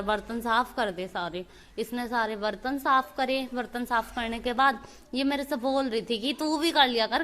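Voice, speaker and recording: A woman's voice: on the high side, a bit bright, a little hiss or hum. A young woman vlogging in a casual, chatty way, retelling family exchanges while walking outdoors on a village farm path. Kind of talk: casual vlog narration.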